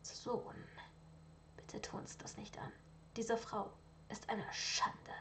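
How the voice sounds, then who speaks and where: A woman voicing a cold, contemptuous older aristocratic father in a storybook reading, often hushed and breathy. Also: high voice, steady tone, moderate pace, a little hiss or hum. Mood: disdainful.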